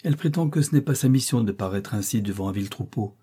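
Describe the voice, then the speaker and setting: A man's voice: lowish voice, animated, fast talker, mellow, husky. A man voicing a hesitant, deferential male servant in a storybook reading.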